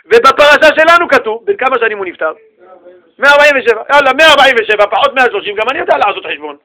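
A man teaching a Torah lesson to students in an animated way, asking them questions and acting out the people in the story. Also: extremely high pitch. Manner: animated, asks his listeners questions and acts out the people in the story.

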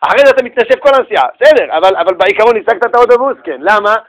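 A man with a notably high voice speaks to a small group of listeners, retelling a religious tale in an informal, slangy way. He keeps the story animated, turning often to his listeners and slipping into the voices of the people in it. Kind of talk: casual religious talk with storytelling.

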